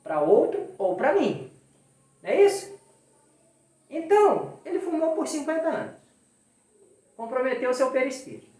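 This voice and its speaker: A woman's voice: high-pitched, very animated, normal speed, long pauses, warm tone, echoey room, far from the mic. A woman with a Brazilian accent giving a spiritist sermon, putting rhetorical questions to her audience. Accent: Brazilian Portuguese. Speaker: spiritist lecturer. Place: spiritist center hall.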